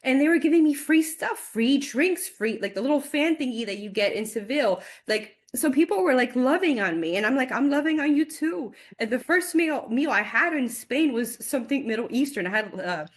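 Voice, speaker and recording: High-voiced and fairly quick, a woman in her forties chats animatedly as a casual interview guest, pausing only a little. She laughs a lot and tends to repeat words as her excitement builds.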